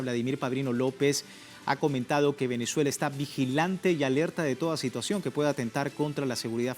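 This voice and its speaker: A man presenting a news and interview programme as its host. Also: medium pitch. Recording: music playing behind the voice. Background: music.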